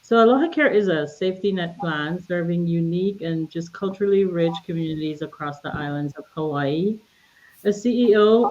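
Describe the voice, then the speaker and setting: A woman from Guyana gives a prepared talk as a health plan executive, measured and formal. Her voice is lowish and comes through dull, muffled call audio. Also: darkish tone. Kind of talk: prepared presentation.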